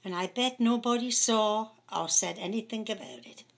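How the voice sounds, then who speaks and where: Reading play dialogue as an amateur, a woman speaks in the Houghton-le-Spring pitmatic accent of North East England. Her mid-range voice is creaky and moves at a moderate pace through the dramatic read-through.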